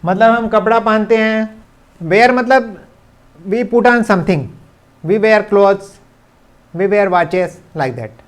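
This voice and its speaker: A man teaching English grammar in a video lesson, explaining patiently and slowly repeating English example sentences. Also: sits high. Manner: mixes English sentences into his speech. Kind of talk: classroom-style video lesson.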